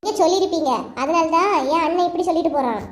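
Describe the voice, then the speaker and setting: Woman doing a shrill defiant college girl. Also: very fast, roomy sound. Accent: Kanyakumari Tamil. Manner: defiant, accusing. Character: teenage college girl, defiant younger sister.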